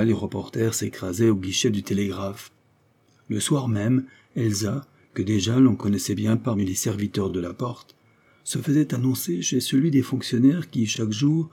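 A man narrates a historical story in a measured, dramatic manner. His voice is low and dark with a husky grain. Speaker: audiobook narrator. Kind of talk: scripted narration.

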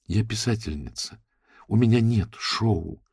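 In an audiobook, a man heavily acts the part of a kind, soothing woman writer, speaking gently and consolingly. The character voice is pitched above his own yet still lowish, unhurried, slightly rough and touched with vocal fry, in a clean studio recording with no room sound.

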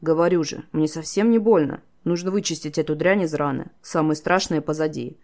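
A woman voicing a wounded young male apprentice who gives terse, hoarse commands through his pain. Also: low voice, fairly quick, a little mellow. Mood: calm. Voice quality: hoarse, wheezing.

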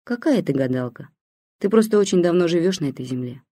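A reader voicing an old grandmother who has gone deaf and calls out for her son with slow, drawn-out words. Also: mid-range voice, lively intonation, no echo, studio quality, lightly acted. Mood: weary, stubborn. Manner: shouting, slow, dragged-out words. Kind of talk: audiobook character voice.

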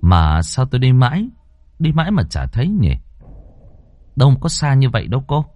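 A man's voice: mid-range voice, big pitch swings, moderate pace, mellow, no room sound, pitched above the performer's own voice, lightly acted. A man voicing a polite young village man who offers help, speaking plainly with hesitant fillers.

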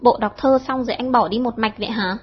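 A woman doing a bossy, sharp-tongued teenage girl. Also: fairly high pitch, husky, muffled recording. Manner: brisk, commanding, mock-stern.

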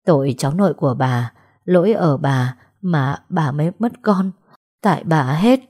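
A woman's voice: low voice, animated, moderate pace, darkish tone, breathy edge. A woman voicing a grieving elderly grandmother in an audio story. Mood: remorseful.

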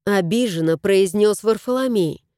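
A woman narrating a storybook in an expressive, lilting reading voice. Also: medium pitch, moderate pace, no echo, clean studio sound.

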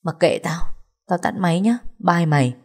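Despairing young man on the phone, read by a woman narrator; low, dark tone, audiobook style. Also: normal speed, lightly acted. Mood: gloomy.

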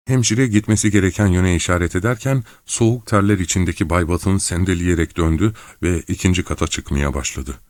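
A man reading a novel aloud as an audiobook narrator, steady and measured. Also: low-pitched, dry recording, clean studio sound. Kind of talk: scripted narration.

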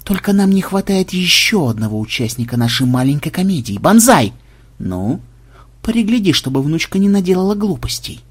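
A cool, sharp male investigator, as a male reader plays him questions people in measured, clipped sentences. The voice is somewhat husky and lively in pitch. It is audiobook character reading. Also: exaggerated voice. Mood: cold. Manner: calm, probing, clipped. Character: cold sharp-witted male programmer investigator.

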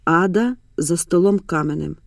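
A woman narrating a novel in a measured, expressive reading. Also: lowish voice, gravelly, no room sound, clean studio sound. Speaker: audiobook narrator.

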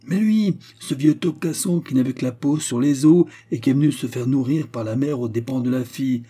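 A man reading an audiobook, voicing an indignant male concierge who exclaims and gossips excitedly. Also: a little slow, slightly rough. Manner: excited, exclaiming, rising high.

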